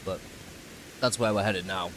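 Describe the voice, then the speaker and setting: A man's voice: low voice, steady tone, normal speed, noisy background. A man streaming a video game, talking casually to his viewers in a chatty, easygoing way with apologetic asides. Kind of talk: casual live-stream chat while gaming.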